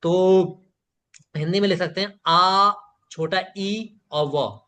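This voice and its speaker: A man's voice: high voice, slow, pushed and bright. A man teaching a live online spoken English class, patiently repeating phrases for learners to echo and praising students by name.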